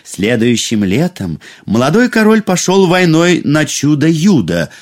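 Unhurried, expressive male storyteller. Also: fairly high pitch. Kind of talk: scripted fairy-tale narration.

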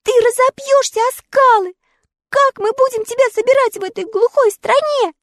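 A woman's voice: very high-pitched, animated, normal speed, mellow, no echo, studio quality, pitched above the performer's own voice. A woman doing a young anxious girl. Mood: pleading. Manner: pleading, childlike.

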